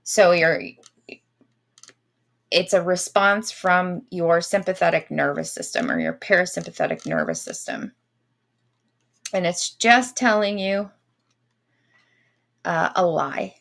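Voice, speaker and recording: A woman's voice: fairly low pitch, sing-song, slow pace, vocal fry, long pauses, a bit bright. A woman coaching an online group in a casual, encouraging way.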